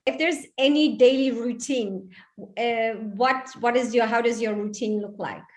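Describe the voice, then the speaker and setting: A woman's voice: fairly high pitch, unhurried. A woman interviewing a guest over a video call, asking short, simple questions. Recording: echoey video call audio.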